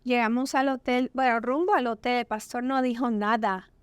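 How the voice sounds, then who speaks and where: A woman with a higher, smooth and resonant voice tells her personal testimony as a podcast guest. She recounts the story vividly, slipping into the voices of the people she quotes. The sound is dry and close, as in a small studio. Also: normal speed, no room sound. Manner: vivid, acts out quoted dialogue.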